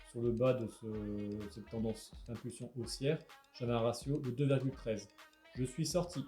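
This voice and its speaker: Casual trader, male, mellow tone, in a roomy echoey room. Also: medium pitch. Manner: chatty, jokes and talks to himself. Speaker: crypto trader. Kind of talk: casual trading chart walkthrough.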